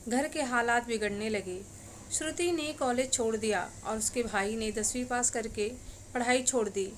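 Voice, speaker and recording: Woman storyteller, scripted narration, even delivery, slightly high voice, faint ambience. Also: slight background noise.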